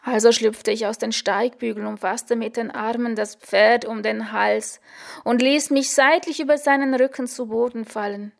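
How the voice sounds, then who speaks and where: A woman reading her own first-person story aloud in a dry, deadpan way, sometimes correcting herself. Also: a little high, normal speed, gravelly. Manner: dry, deadpan humour, occasional self-corrections.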